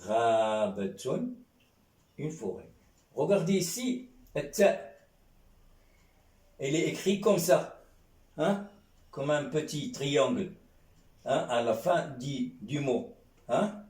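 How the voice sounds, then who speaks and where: A man's voice: on the high side, takes it slowly, long pauses, darkish tone. A man teaching a lesson in French, patiently repeating sounds and checking on his students with a questioning "hein?". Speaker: Arabic teacher. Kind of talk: classroom lesson. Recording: roomy echo, distant mic.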